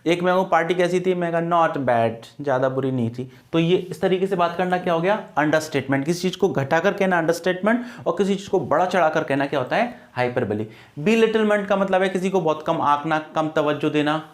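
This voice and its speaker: A man's voice: a little high, a little fast. A man teaching an English grammar and vocabulary lesson for exam preparation, asking questions and answering them himself to drill key words. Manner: repeats key words as questions to students, explains patiently.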